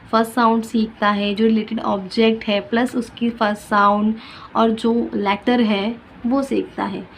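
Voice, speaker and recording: A woman teaching phonics, sounding out each letter slowly and carefully. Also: a little high, slight background noise, low-quality recording. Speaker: teacher making kindergarten worksheets.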